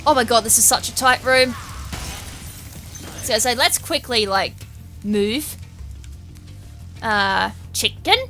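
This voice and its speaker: A woman with an Australian accent giving chatty, excitable let's-play commentary and poking fun at herself. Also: on the high side, measured pace, long pauses, soft background music. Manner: excitable, chatty, self-mocking. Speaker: gamer.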